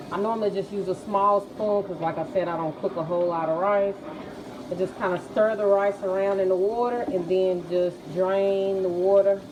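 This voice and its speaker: Against a noisy background, a family vlogger and mom talks in a mid-range voice to her viewers from inside her home. Her manner is folksy and casual, and she addresses them as guys and y'all.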